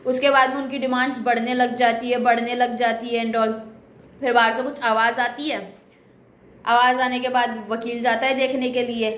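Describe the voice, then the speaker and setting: Woman film recapper, high voice, chatty and wry asides, roomy echo, faint hiss. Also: a bit bright. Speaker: movie reviewer. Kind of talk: casual movie story recap.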